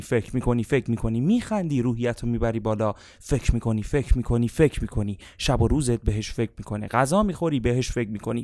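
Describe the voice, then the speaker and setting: A man coaching listeners in a motivational audio lesson, firing questions and answering them himself again and again. His mid-range voice jumps into sharp raised bursts for emphasis. The recording is dry and close. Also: mid-range voice, no room sound. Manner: emphatic, repetitive call-and-response questioning; sudden sharp raised outbursts.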